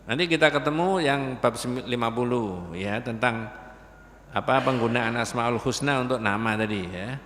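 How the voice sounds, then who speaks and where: A man teaching a religious study class, lively and often quizzing his listeners. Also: medium pitch, normal speed, a little hiss or hum. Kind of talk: mosque study lesson. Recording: echoey hall reverb.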